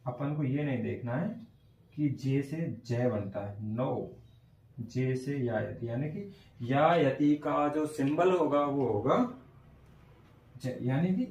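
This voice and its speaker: Slow man teaching in an echoey room. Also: on the high side, darkish tone, recorded from a distance. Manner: slow, repeats sounds and checks understanding often. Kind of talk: classroom lesson on phonetic transcription.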